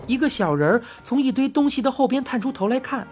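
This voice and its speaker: A woman narrating a children's storybook in an expressive reading style. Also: sits high, fast, soft background music.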